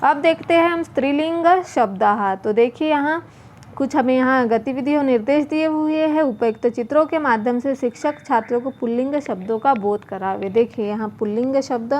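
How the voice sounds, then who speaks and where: A woman with a high voice teaches a children's workbook lesson. She reads word lists slowly and drags each word out, then explains it in plain terms. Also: darkish tone, slight background noise. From India. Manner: slow, drawn-out word recitation.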